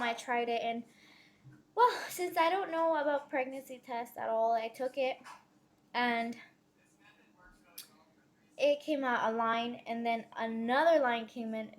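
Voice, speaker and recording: A pregnant teenage girl talks straight to her viewers in a casual confessional vlog. Her voice sits a little high, and she rambles quickly, piling up fillers and correcting herself as she goes. The delivery is loose and unpolished, like talking to friends. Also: fairly even intonation. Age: teens. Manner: rambling, fast, many fillers and self-corrections. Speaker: vlogger telling her pregnancy story.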